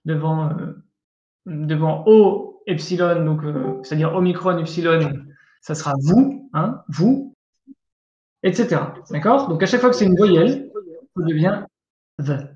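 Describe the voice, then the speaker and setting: A man's voice: on the high side, moderate pace, a little mellow. A man teaching a language class online over a video call, explaining patiently, repeating himself and often checking that students follow. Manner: patient, repetitive, often checks understanding with asides. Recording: echoey room, dull lo-fi sound.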